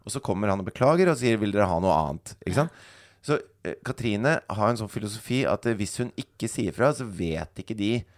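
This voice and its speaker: A man's voice: lowish voice, expressive. A man, co-hosting a podcast, telling stories in casual chatty banter. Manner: storytelling, chatty, uses fillers like "liksom". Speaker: podcast co-host.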